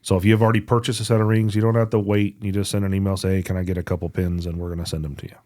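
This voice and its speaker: A low-voiced man co-hosting a podcast rattles off product news very quickly in a casual, conversational way, as though speaking directly to his regular listeners. His tone is level and somewhat dark, and the recording is dry and close with no echo.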